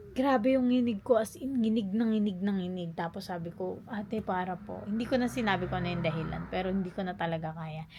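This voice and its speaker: A woman's voice: medium pitch, vocal fry, a little hiss or hum. Chatty young woman telling a story. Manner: chatty, animated storytelling, mixes English phrases. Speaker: vlogger. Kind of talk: casual storytime vlog.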